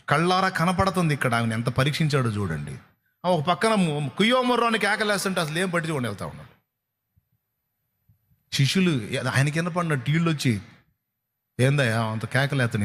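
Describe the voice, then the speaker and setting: A man's voice: fairly high pitch, a bit bright, in a large hall. A male pastor preaching a sermon, scolding his listeners and acting out callers and congregants.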